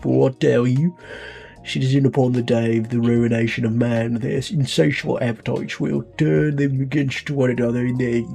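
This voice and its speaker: A man voicing a grandiose male leader of an underground city, in a put-on British accent and a booming, rousing manner. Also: creaky, dark tone, lightly acted.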